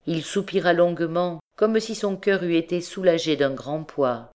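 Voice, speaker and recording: A woman narrating a classic novel as an audiobook in a measured, deliberate way. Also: fairly low pitch, a little mellow. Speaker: audiobook reader.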